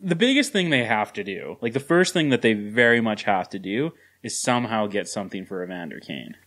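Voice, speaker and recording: A man's voice: lowish voice, lively intonation, fairly quick, fairly bright tone. Blunt, joking male podcast co-host. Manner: blunt and sarcastic, laughs often. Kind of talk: casual sports chat.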